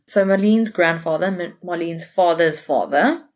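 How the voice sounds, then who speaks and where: Speaking at a moderate pace in a voice on the low side, this woman co-hosts a podcast and recounts a true case. It comes across as casual storytelling, full of chatter, self-corrections, and easy laughter.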